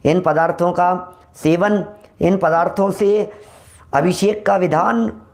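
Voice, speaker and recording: A man's voice: sits high, fairly even intonation, slow. A man delivering a Jain religious sermon, asking rhetorical questions and briefly mimicking other people's voices. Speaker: Jain preacher.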